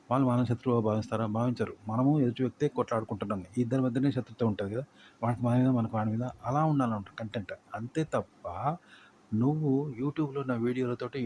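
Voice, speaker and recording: A man's voice: mid-range voice, darkish tone, a little hiss or hum. A man giving informal advice, asking rhetorical questions and using plain folksy examples. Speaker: YouTube advice teacher. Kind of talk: informal tutorial talk.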